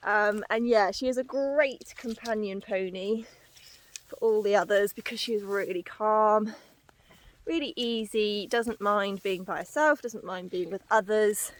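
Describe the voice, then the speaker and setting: A horse owner vlogs casually while walking outdoors over paddocks and hilly, boggy ground, puffing and out of breath as she talks. Her mid-range voice stays steady and a little slow.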